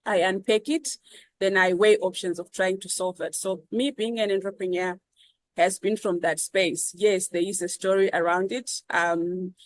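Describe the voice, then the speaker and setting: A Zimbabwean-accented woman answering interview questions in an earnest, measured way, with many ums and repeats. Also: mid-range voice, fairly even intonation, dry recording, rough recording. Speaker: guest.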